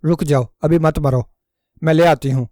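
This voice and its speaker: A man's voice: on the high side, fairly even intonation, mellow, no echo, clean studio sound, natural voice. A man voicing a panicky young wife. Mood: panicked. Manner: panicky, anxious pleading. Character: flustered naive young wife, easily frightened.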